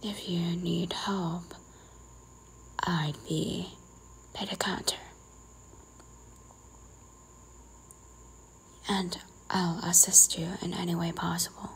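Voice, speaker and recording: A woman in a whispered role-play, playing a strict, teasing librarian who quietly scolds a careless visitor. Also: lowish voice, level tone, slow pace, pauses often, a little hiss or hum, low-quality recording. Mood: hushed, helpful.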